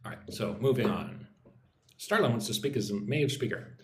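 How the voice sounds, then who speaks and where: An American man with a mid-range, expressive voice teaches English on a live stream from an echoey room. He reads viewer comments aloud and sounds out words slowly so listeners can repeat them.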